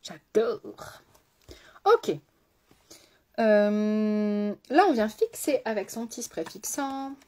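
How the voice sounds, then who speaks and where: A woman's voice: mid-range voice, lively intonation, extremely slow, pauses often, a little mellow. A woman makeup artist chatting through a live makeup tutorial, talking straight to her viewers with rambling asides.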